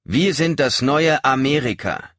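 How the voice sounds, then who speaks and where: A man voicing a fierce militant woman who leads a revolutionary cell, loud and biting in her mockery. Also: lowish voice, very animated, normal speed, vocal fry, no room sound, clean studio sound, voice pushed up, exaggerated voice. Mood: chanting loud.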